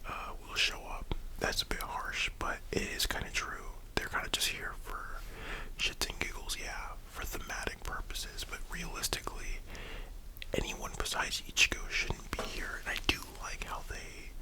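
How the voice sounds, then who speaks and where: Soft, breathy ASMR whisper, casual and musing. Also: moderate pace, rough recording. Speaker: ASMR video host.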